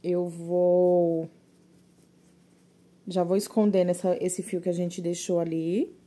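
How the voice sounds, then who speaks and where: Woman crochet teacher, very mellow dark voice, patient step-by-step tutorial, slightly out of breath. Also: lowish voice, little pitch movement, takes it slowly. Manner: patient, counts stitches aloud, addresses viewers as girls. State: a little short of breath from coughing.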